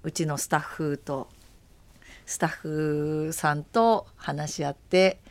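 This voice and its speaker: Chatty woman host, low voice. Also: fairly even intonation, slow. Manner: chatty and rambling, with many fillers and bursts of laughter. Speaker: radio show host. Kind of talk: casual after-show chat.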